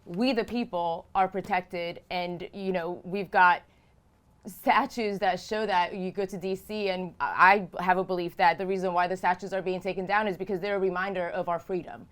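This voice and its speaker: A woman in her thirties from Romania, answering interview questions as a political candidate, earnest and emphatic, repeating phrases for emphasis. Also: medium pitch. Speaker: House candidate.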